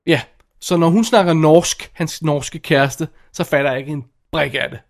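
Man, podcast co-host, casual film chat, slightly high voice, rambling, self-correcting. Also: vocal fry. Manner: chatty, correcting himself, trailing off. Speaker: podcast co-host reviewing films.

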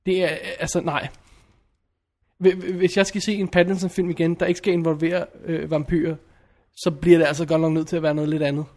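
High-voiced blunt man reviewing films. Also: little pitch movement, darkish tone. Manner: blunt, opinionated, often restarts mid-sentence. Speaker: film reviewer, co-host. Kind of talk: casual podcast chat.

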